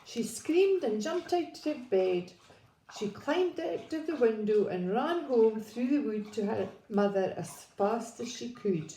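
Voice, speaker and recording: A woman reading a children's story aloud in a gentle, expressive storybook manner. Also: a little high, slow, slight background noise. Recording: echoey room.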